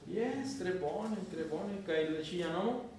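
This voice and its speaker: A man from northern Mexico with a northern Mexican accent, teaching a class, joking and calling on students by name while repeating sounds slowly. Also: high-pitched, expressive, far from the mic, noisy background. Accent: northern Mexican Spanish. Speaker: Esperanto teacher. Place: university classroom. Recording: very echoey classroom taped from afar.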